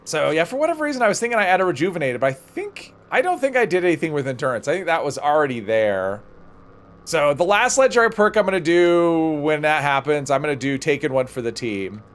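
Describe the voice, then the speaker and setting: A man's voice: a little high, very animated, quick pace. A man hosting a livestream, casually thinking aloud as he plays and rambling off into conversational asides. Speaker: livestream host.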